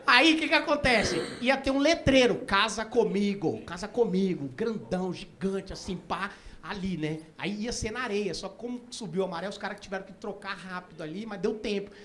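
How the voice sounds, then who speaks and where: A man with a Brazilian accent doing stand-up comedy storytelling, animated and profane, acting out the dialogue. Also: sits high, moderate pace. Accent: Brazilian Portuguese. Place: comedy stage before a live audience. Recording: live stage with noisy crowd laughter.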